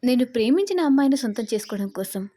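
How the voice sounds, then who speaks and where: A woman takes on a jealous young man boiling with rage. He hurls accusations in a raised, mellow-toned voice, pitched a little high for a man, as a storybook figure. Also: expressive, fast, dry recording. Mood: angry.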